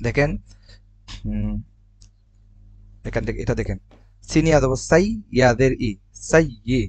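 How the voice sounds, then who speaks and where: A man in a step-by-step recitation lesson, spelling out each letter and vowel mark before blending them into syllables. His voice sits at an ordinary middle pitch. It is recorded close and dry, with no echo of a room. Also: a little slow, a little mellow. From Bangladesh. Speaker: Quran reading teacher.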